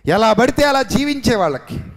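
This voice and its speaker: A male preacher delivering a sermon, swinging between raised, emphatic lines and hushed, quiet ones, and calling the congregation to repeat after him. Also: very high-pitched, very animated, normal speed. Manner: leads the congregation to repeat phrases aloud. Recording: long reverberant hall sound.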